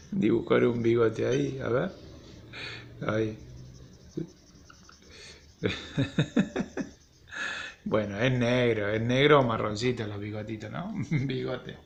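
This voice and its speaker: A gravelly-voiced man leads a children's phonics lesson in a slow, patient rhythm. His way of talking is playful and encouraging. Faint room noise sits behind him. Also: mid-range voice. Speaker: primary school teacher.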